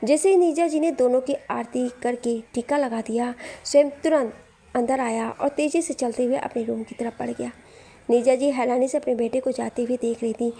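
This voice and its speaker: A woman telling a romantic story in steady, dramatic scripted narration. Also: a little high, normal speed, breathy edge.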